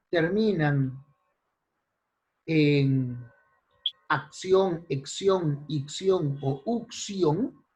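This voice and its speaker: A man teaching an online spelling class, listing example words one by one and checking in with his students. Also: fairly high pitch. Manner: slow, deliberate, lists examples and checks in with "¿ya?". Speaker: language teacher. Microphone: computer mic in an online class.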